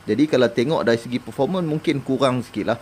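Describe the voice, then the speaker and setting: A man's voice: medium pitch, fast, darkish tone, a little hiss or hum. A man with a Kedah Malay accent giving a casual, colloquial hands-on review of motorcycle parts, explaining step by step.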